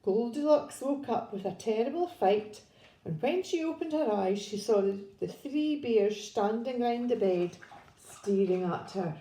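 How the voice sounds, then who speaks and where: A woman reading a children's story aloud in a gentle, expressive storybook manner. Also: fairly high pitch, a little slow. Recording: echoey room.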